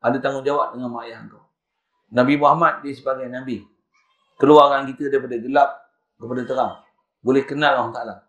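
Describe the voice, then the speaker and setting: A Malaysian man with a Malaysian Malay accent preaching a sermon, swinging between loud emphatic lines and soft murmurs, mixing in English phrases. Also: mid-range voice. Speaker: religious preacher. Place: mosque prayer hall. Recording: echoey hall.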